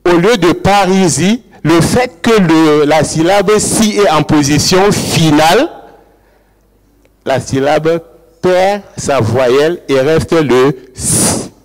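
Man, lecturer, slow deliberate delivery, didactic, asks the audience questions, long hall reverb. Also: a little high. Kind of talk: academic lecture with audience interaction.

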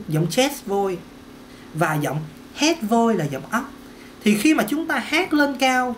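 A man's voice: sits high, fairly bright tone, a little hiss or hum. A man giving a casual singing lesson, chatty, repeating words and dropping in little "ok"s. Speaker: singing teacher. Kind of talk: casual vocal lesson to camera.

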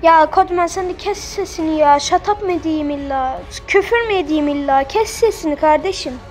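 A woman giving excitable, blunt let's-play commentary, trash-talking other players. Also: sits high, normal speed, soft background music. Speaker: gamer playing on a role-play server.

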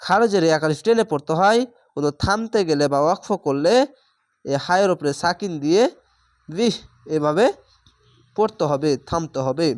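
A man's voice: a little high, moderate pace, long pauses, no room sound. A man teaching Quran reading, spelling out each syllable and then drawing out the joined word. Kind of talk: slow spelled-out Quran recitation lesson.

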